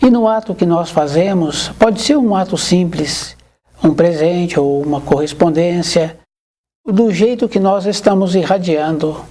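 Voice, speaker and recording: A spiritual teacher gives a calm, measured, reflective talk and keeps returning to the same set phrases. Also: medium pitch.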